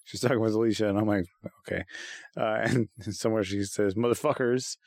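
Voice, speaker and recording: A man with a lowish voice, chiming in with dry, quick quips as a guest on a podcast. The mic is close and dry. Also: fairly even intonation, vocal fry, a little mellow, no room sound. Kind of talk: casual chat.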